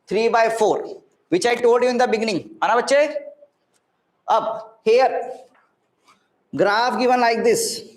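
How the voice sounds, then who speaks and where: Teaching physics online in an interactive class, an Indian-accented man speaks in a very high voice at a moderate pace, pausing often. He repeats phrases, blends Hindi words into his English, and keeps checking that students are following, with echoey room sound.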